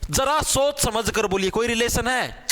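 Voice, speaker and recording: A male teacher leading a live online grammar class, energetic and pushing students to answer fast. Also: very high voice. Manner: calls students "bhai" again and again.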